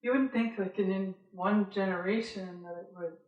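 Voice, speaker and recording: A woman's voice: medium pitch, normal speed, lo-fi sound. A woman asking questions as an interviewer in a conversational style. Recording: echoey room, distant from mic.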